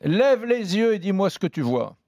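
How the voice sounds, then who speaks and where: Radio host, man with a high voice, friendly and brisk with his questions. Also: very animated, a little mellow. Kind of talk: radio interview.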